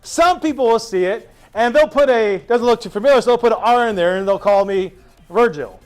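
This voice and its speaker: A man teaching a first-day class, telling stories to his students in an animated way with drawn-out asides. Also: very high voice, soft background music.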